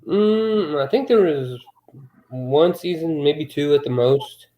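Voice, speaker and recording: A man's voice: on the high side, takes it slowly, warm tone, rough recording. A man hosting a movie watch-along stream, giving easygoing, brief answers. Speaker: host of the channel. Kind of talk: casual live-stream chat.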